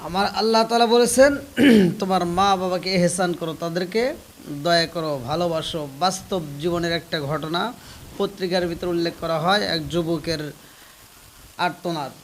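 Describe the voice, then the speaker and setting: A man preaching a sermon, moving between quick quiet storytelling and loud, drawn-out wailing chant. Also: sits high, fairly even intonation, a little hiss or hum. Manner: swings from soft fast telling to loud wailing chant.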